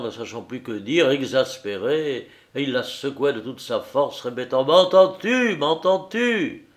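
Slow, measured male storyteller. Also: mid-range voice. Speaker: narrator. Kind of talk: literary story reading.

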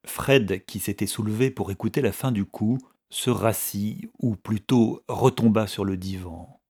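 A male narrator reading a novel with a measured, steady delivery. His voice is low and husky, and he takes his time.

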